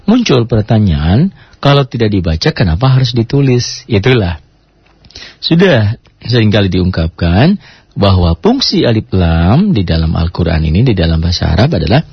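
Husky, lively male religion teacher. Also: fairly low pitch, no echo, highs cut off. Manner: explains step by step, asks rhetorical questions and answers them; recites Arabic words slowly for practice. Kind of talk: Quran reading lesson.

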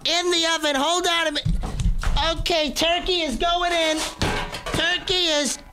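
High-pitched grumpy old man. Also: level tone, measured pace, loud music behind the voice. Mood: flustered, exasperated. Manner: grumpy, exasperated, dramatic exclaiming. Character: crotchety excitable old man, a flustered turkey cook. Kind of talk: prank phone call in character.

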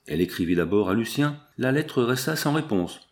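A man narrating a classic novel in a measured, dramatic reading. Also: medium pitch, lively intonation. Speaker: audiobook narrator. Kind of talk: scripted literary narration.

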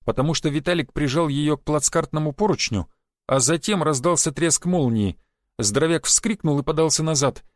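A man's voice: a little high, normal speed, dry recording, clean studio sound. A man narrating an audiobook in a wry storytelling manner.

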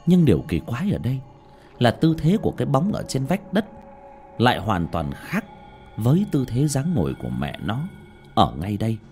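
A man's voice: huge pitch swings, normal speed, mellow. A man narrating a horror story in a dramatic, scripted way. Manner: dramatic, with sudden pitch swings. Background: faint music.

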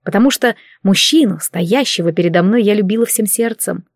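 A woman reading a first-person fantasy audiobook in an emotive, measured way. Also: medium pitch, gravelly, dry recording, studio quality. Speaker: audiobook narrator.

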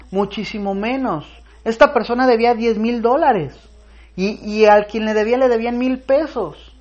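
A man preaching a sermon in an earnest voice, reading scripture aloud with pauses and swelling to loud, emphatic stress. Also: very high-pitched, highs cut off. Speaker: pastor.

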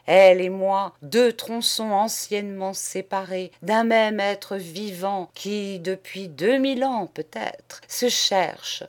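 Woman reader voicing a declamatory lovesick poet, raised and fervent, slow. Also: medium pitch, close to an everyday voice. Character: impassioned young male poet, pleading.

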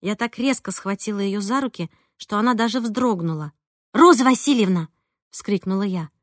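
A woman's voice: medium pitch, moderate pace, no room sound, clean studio sound. Woman narrating an audiobook in first person.

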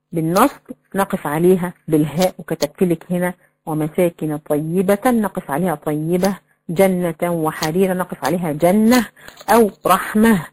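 A woman's voice: on the low side, a little mellow, slight background noise, rough recording. A woman with an Egyptian accent teaching a tajweed lesson, explaining rules, quizzing her students and drawing out recited examples. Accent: Egyptian Arabic.

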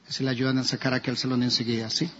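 A man's voice: medium pitch, little pitch movement, fast talker, a bit bright, breathy edge. A man preaching a sermon as pastor, asking his congregation questions. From Colombia. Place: church hall. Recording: dull, echoey church recording.

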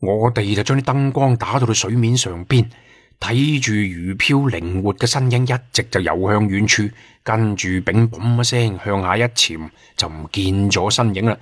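A man reading a first-person novel as an audiobook narrator, in a steady storytelling manner. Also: lowish voice, moderate pace, dry recording, clean studio sound.

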